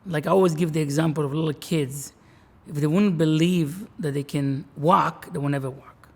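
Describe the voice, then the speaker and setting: Husky rabbi in his forties. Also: on the high side, fairly even intonation, a little mellow. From Israel. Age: 40s. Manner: earnest, measured, with restarts. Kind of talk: interview, reflective talk.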